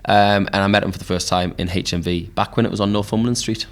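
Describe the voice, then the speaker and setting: Give me a deep Geordie man, casual and rambling, talking music in a pub. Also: fast talker. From Newcastle, England. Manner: relaxed storytelling with frequent fillers. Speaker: podcast host and musician.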